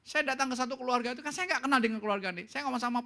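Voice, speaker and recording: A man preaching a church sermon in an animated way, his pitch climbing for emphasis and English words mixed into his speech. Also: rapid-fire, creaky. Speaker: pastor. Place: church service.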